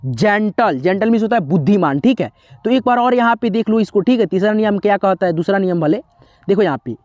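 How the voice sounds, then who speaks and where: A woman teaching a lesson, spelling words out slowly letter by letter and quizzing the listener. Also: mid-range voice, a little mellow, dry recording. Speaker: English teacher. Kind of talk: classroom-style spelling lesson.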